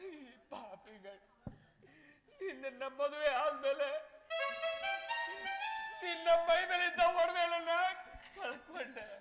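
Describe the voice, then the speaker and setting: A man's voice: very high-pitched, slow pace, long pauses, echoey room, big-room sound, music in the background. A man playing a sobbing ruined husband on stage. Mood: grieving. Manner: sobbing, lamenting, repeats his wife's name. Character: ruined, grief-stricken husband now doing day labor. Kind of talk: village stage drama acting.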